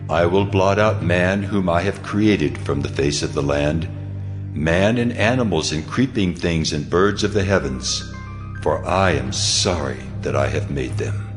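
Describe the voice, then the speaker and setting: Solemn all-powerful god for a bible drama, super low voice, huge cavernous echo, declaiming orders. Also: male voice, unhurried. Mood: grieved wrath. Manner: grave, commanding, declamatory. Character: God, solemn almighty male deity giving commands. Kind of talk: dramatized scripture reading. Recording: long cavernous reverb over music.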